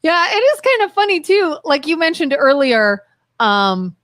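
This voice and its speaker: A woman in her thirties co-hosting a casual live talk show, acting out quoted dialogue with lively energy. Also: high voice, moderate pace, no room sound, clean studio sound. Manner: animated, acts out quoted dialogue, laughs. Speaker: podcast co-host.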